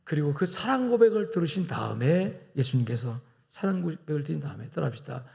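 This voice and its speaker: A male pastor preaching a Sunday sermon in a church, rising from quiet, tender passages to loud, impassioned exhortation. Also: fairly high pitch, sing-song, fairly quick, creaky. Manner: acts out Jesus and Peter in quiet, tender asides. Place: church sanctuary.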